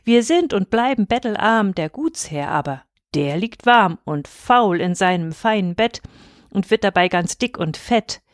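A woman's voice: medium pitch, lively intonation, unhurried, no echo, natural voice. A woman speaks as a poor, angry master shepherd in a rhymed Christmas tale. He is indignant and bitter, railing against the rich. The recording is dry and close-miked. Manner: indignant, rises into complaint.

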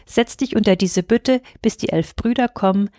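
A woman's voice: mid-range voice, normal speed, mellow, no room sound, clean studio sound, lightly acted. A woman voicing a kind, earnest young prince in a fairy tale reading.

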